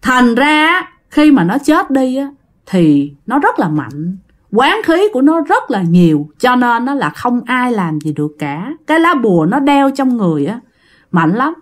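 A woman voicing a male sorcerer who gravely refuses to help, in a matter-of-fact, warning way. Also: fairly high pitch, big pitch swings, unhurried.

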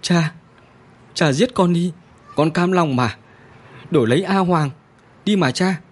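A man's voice: a little high, measured pace, slightly rough, pitched above the performer's own voice. A man voicing a teenage boy who cries and begs his father in a storybook narration. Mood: pleading, tearful. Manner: tearful, begging. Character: sobbing teenage boy pleading for his dog.

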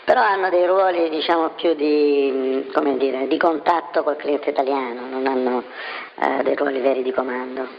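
A man speaks through a voice disguise that shifts his pitch deep and leaves a gravelly texture. He answers haltingly, with many fillers and restarts. The recording is dull and lo-fi, with a faint hiss underneath. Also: little pitch movement. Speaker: anonymous banker source. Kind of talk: interview answers.

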